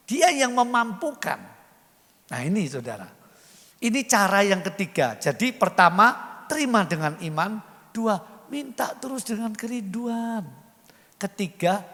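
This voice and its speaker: Older male pastor, high lively voice, gravelly edge, echoey church hall. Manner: animated, acts out voices in dialogue, swings loud and soft. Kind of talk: sermon.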